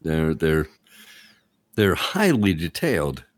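A man hosting a podcast, chatting in an animated, enthusiastic, joking way. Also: very deep voice, takes it slowly. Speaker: podcast host. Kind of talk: casual chat.

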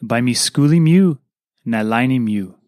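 Man, Papua New Guinean accent, scripted devotional teaching, mid-range pitch, very dry recording. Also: expressive, a little slow, a little mellow, no echo. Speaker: devotional reader.

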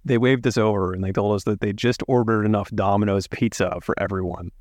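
A man from Alabama narrating a true-crime story in a measured, reflective way. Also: on the low side, fairly even intonation, darkish tone, dry recording, studio quality. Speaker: podcast narrator.

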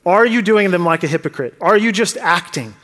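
A man's voice: sits high, animated, a little fast, a bit bright. A man preaching a sermon as pastor, earnest and conversational, asking the congregation rhetorical questions. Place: church sanctuary. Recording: long church hall reverb.

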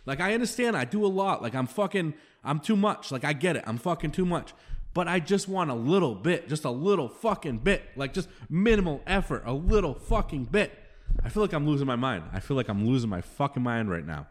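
A man's voice: fairly high pitch, animated, brisk. A man hosting a podcast alone, venting in an angry, profane rant and repeating himself. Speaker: podcast host. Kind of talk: solo rant. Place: home studio room.

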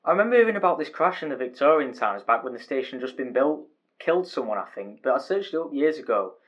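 Playing a grumbling, gossipy male railway worker in an amateur audio drama, a performer sounds sleepy and doubtful yet very animated and fast. His natural, medium-pitched voice is colloquial and conversational, and the recording is muffled, with faint background noise and ambience.

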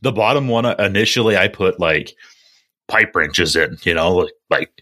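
A man with a low but bright, forceful voice talks casually like a tradesman on a podcast. He rambles through his stories haltingly, with plenty of filler words. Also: lively intonation. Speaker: plumber and podcast host. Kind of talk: casual chat.

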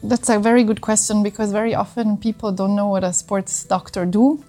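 With music in the background, a middle-aged sports medicine doctor from northern Italy answers interview questions in Italian-accented English. Her medium-pitched voice is soft-edged, mellow and steady, and she explains conversationally, pausing to find words.

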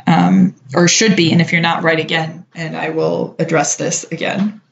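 A woman co-hosting a show, giving relaxed, chatty advice with lots of filler words. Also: low voice, moderate pace, creaky. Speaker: podcast co-host answering listener questions. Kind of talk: casual advice chat. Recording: dull lo-fi sound.

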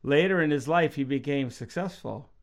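A middle-aged preacher with a smooth, resonant voice that sits somewhat high for a man. He talks easily about faith and tells stories, raising his voice to act out what other people said. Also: normal speed. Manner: storytelling, acts out quotes in raised voice. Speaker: preacher and podcast guest. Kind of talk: casual faith talk.

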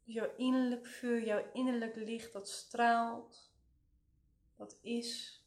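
A woman leading a guided relaxation meditation in a soothing, gentle way, leaving long pauses. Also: fairly high pitch, little pitch movement. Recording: roomy, echoing voice recording.

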